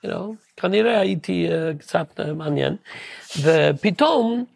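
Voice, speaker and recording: Man, gravelly, dry close sound, halting casual storytelling, frequent restarts. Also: high voice, expressive, darkish tone, no room sound. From Williamsburg, New York. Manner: halting, searching for words, many restarts. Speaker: guest composer.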